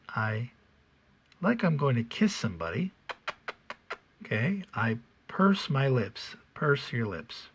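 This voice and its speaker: A man with a standard American accent giving an informal pronunciation lesson, explaining patiently and haltingly step by step, with a slightly husky, gravelly voice. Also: mid-range voice, lo-fi sound. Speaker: pronunciation teacher. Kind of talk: informal instructional video, demonstrating English sounds.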